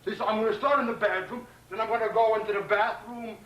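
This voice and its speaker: A man from Brooklyn, New York, talking in his Brooklyn accent, records a rambling, profane message to a pen pal on a tripod camcorder in his apartment bedroom, boasting, threatening, stuttering through restarts and constantly saying "man." His high voice is fast and fairly bright, with fairly even intonation. The 1990 tape sounds distant and roomy, with hiss.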